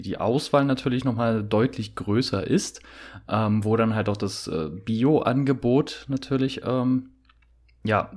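A young man co-hosting a podcast, chatting casually and rambling with many fillers and restarts. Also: on the low side. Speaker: podcast co-host. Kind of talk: casual chat.

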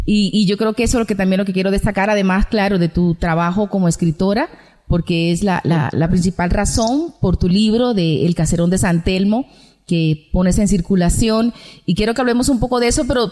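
A woman's voice: mid-range voice, darkish tone. Dominican-born woman hosting a radio interview. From Dominican Republic. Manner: friendly, prompting questions. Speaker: radio show host.

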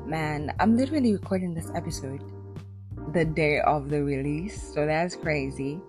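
A young woman hosting a faith podcast and talking casually in a groggy morning voice, chatty and animated, laughing now and then. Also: low-pitched, moderate pace, over music. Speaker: podcast host.

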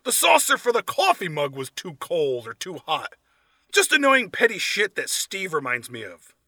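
A man's voice: high voice, huge pitch swings, normal speed, pushed and bright, no room sound. A man hosting a podcast, giving sarcastic, profane comedic commentary while reading reviews aloud. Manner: sarcastic, swears freely. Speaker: podcast host.

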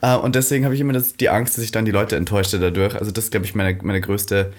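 Guy chatting fast on a podcast, kinda low voice, dramatic, throws in english bits. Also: fairly even intonation. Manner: chatty, dramatic, mixes English phrases into German. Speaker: podcast co-host. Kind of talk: casual chat.

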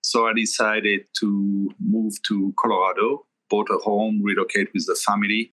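Interview guest: middle-aged man from Belgium, lower pitch, bright tone, measured and explanatory. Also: flat delivery, faint music behind, rough recording. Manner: measured, explanatory, pauses mid-sentence. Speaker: guest, investment firm founder. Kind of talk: conversational interview answers.

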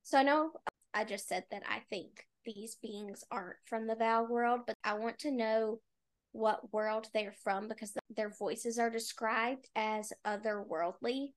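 A woman's voice: on the high side, steady tone, measured pace. A woman co-hosting a book podcast, chatting casually about a novel and often dropping "like" as she talks. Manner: chatty, with frequent "like" fillers.

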